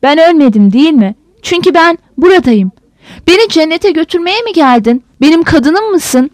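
A woman's voice: high voice, lively intonation, moderate pace, no echo, pitched above the performer's own voice. A woman voicing the anxious ghost of a barbarian guard who does not know he is dead. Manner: pleading, then shouting.

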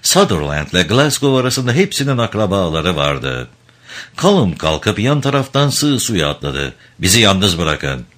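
Deep-voiced, expressive male audiobook narrator. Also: normal speed.

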